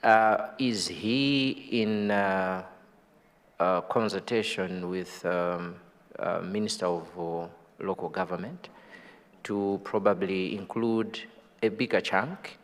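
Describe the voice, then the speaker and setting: A man with a Malawian accent putting a formal question in parliament, polite and halting, with many hesitations. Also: deep voice. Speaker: member of parliament. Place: parliament chamber. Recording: long reverb of a hall.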